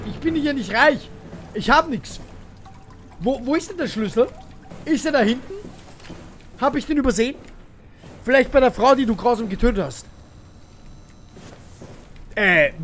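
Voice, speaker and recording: Male streamer, high and bouncy voice, faint hiss behind him; restless, mutters, then bursts out loud. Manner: chatty, talks to chat and himself, swings from mumbling to loud outbursts. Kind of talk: live gameplay commentary.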